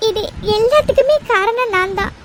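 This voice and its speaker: A woman voicing a high, guilt-ridden young woman. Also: normal speed. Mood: tearful. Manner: anxious, tearful. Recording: noisy recording with clicks.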